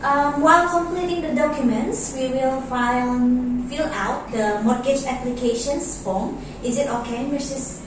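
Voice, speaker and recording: A woman playing a polite, helpful bank customer relations officer in an amateur role-play, speaking formally and a little haltingly. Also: high voice, natural voice. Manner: courteous, halting, formal service talk. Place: echoey indoor room, far mic. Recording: echoey room, distant mic, noisy.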